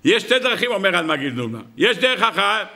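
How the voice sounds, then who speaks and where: Animated, bright-voiced rabbi telling a story. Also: male voice, sits high. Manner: animated, dramatic, addresses the audience. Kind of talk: sermon storytelling.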